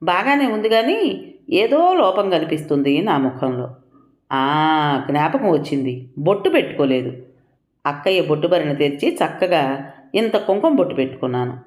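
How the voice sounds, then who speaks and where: A woman telling a first-person audio story in a calm, reflective reading. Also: low-pitched. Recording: echoey room.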